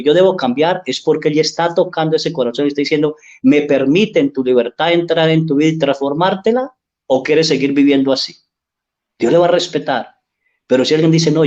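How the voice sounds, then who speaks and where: Earnest Mexican priest preaching, muffled sound. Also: male voice, fairly high pitch, a little mellow. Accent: Mexican Spanish. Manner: earnest preaching, often asks the congregation "¿sí?". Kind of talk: sermon.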